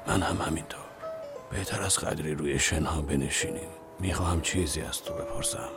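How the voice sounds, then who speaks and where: A man voicing a rough, passionate older male laborer who asks blunt, demanding questions. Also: extremely low pitch, over music. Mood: hushed.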